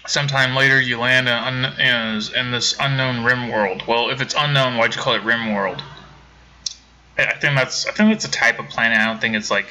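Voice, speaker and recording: A man's voice: medium pitch, steady tone, normal speed, pushed and bright, slight background noise, low-quality recording. A man streaming a game from home, chatting casually with viewers and rambling with many self-corrections. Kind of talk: casual let's-play commentary.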